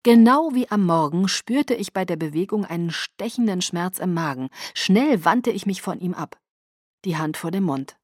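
Woman, audiobook narrator, first-person story, calm measured reading, lowish voice, dry recording. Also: dry recording.

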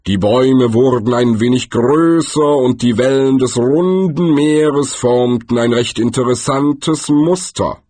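Tod, calm ancient Death, read by a man. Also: mid-range voice, dry recording, pitched above the performer's own voice. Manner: slow, calm, weary.

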